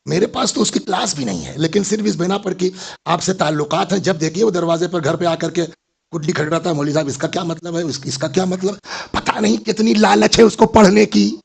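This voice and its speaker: Older man, husky gravelly voice, preaching, storytelling, asks listeners questions. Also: high-pitched. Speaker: Islamic scholar giving a majlis lecture. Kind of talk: sermon.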